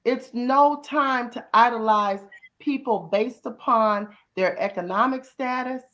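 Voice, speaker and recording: A woman's voice: fairly high pitch, measured pace, a bit bright. A woman pastor speaking on a panel with a preaching cadence, building her points through repeated rhetorical questions. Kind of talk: panel discussion comments.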